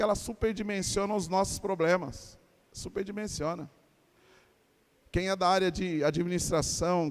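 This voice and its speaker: Animated Brazilian pastor preaching in a hall. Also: male voice, sits high. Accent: Brazilian Portuguese. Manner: animated preaching with call-and-response to congregation. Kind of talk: sermon. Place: church.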